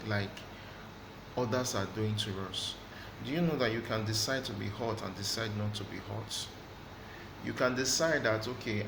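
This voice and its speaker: A middle-aged man hosting a motivational talk, earnest and preachy, repeating phrases for emphasis. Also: mid-range voice. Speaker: host of a motivational channel. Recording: echoey room with background noise.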